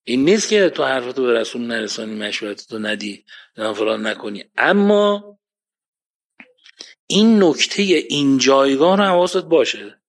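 A man giving a religious lecture, quoting Arabic verses, who rises to emphatic points and then drops his voice low. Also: expressive, gravelly. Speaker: preacher.

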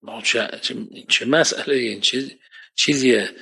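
A man giving a religious lecture, quoting Arabic verses, who rises to emphatic points and then drops his voice low. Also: vocal fry, bright, forceful tone, slightly rough. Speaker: preacher.

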